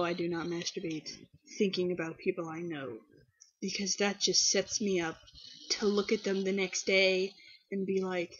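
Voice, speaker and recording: A young woman with a slightly husky voice chats candidly with viewers and wanders into animated stories. Her pitch sits in an ordinary middle range. The webcam audio is dull and lo-fi. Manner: candid, rambling, animated storytelling. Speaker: vlogger answering viewer questions. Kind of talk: casual chat.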